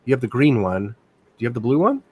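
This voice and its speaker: A man's voice: mid-range voice, big pitch swings, quick pace, a little mellow, husky. A man hosting a casual live chat over a video call, chatty and musing. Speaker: host.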